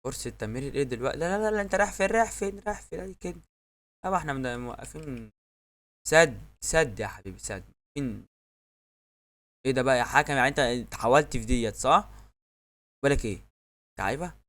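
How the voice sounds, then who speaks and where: A man with an Egyptian accent giving excitable live commentary on his own football video game, yelling at the referee and his players. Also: medium pitch, fast, long pauses. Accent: Egyptian Arabic. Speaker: gamer.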